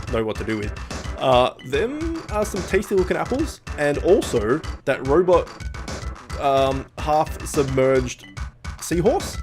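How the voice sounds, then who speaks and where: A man doing casual, joking, sweary commentary as he plays a video game. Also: mid-range voice. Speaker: let's play host. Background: video game music.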